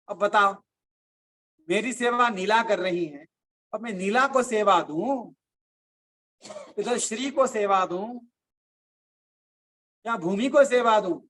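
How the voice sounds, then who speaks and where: A man, a religious teacher, giving a devotional discourse, slowly chanting verses and explaining them through animated storytelling. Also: high voice.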